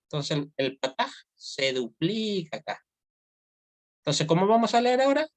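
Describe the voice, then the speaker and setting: Male teacher, patient step-by-step explainer, very animated intonation, dry close sound. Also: sits high, normal speed, dry recording. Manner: explains step by step, often checks in with students. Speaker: Hebrew teacher. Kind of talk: online class lecture.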